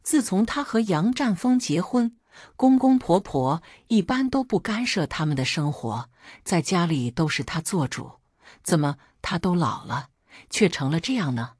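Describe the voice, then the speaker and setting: Low, husky woman storyteller. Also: expressive, unhurried, darkish tone, no echo, studio quality. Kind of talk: scripted story narration.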